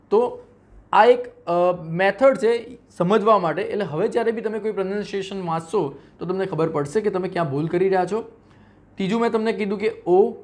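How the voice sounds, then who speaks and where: High-voiced man with a Gujarati accent teaching. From Gujarat, India. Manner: explains by spelling words out letter by letter; acts out common mispronunciations with everyday examples. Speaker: English pronunciation teacher. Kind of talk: teaching lesson.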